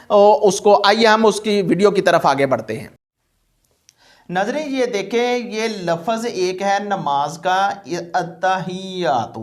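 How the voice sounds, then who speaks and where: A man giving a religious pronunciation lesson, earnest and repetitive, drawing out words slowly when reciting them. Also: sits high, fairly bright tone. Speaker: Islamic teacher.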